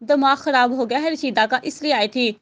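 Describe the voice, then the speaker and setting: A woman's voice: high-pitched, moderate pace, highs cut off, natural voice. Woman voicing an indignant widowed mother. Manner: scolding, indignant. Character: angry widowed middle-aged mother.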